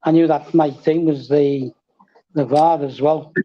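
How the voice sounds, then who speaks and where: A man on a football fan panel, speaking in a relaxed, wry way. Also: on the high side, unhurried. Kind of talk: casual fan chat. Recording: dull lo-fi audio.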